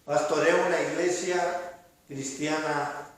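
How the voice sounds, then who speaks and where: A pastor delivers a sermon in an unhurried, chatty way, mixing jokes with the quoted voices of his congregation. His voice sits high for a man. He sounds distant from the mic, with a strong echo filling the church. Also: fairly even intonation. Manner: conversational and humorous, acting out quoted voices. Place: church sanctuary. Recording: roomy echo, speaker far from the mic.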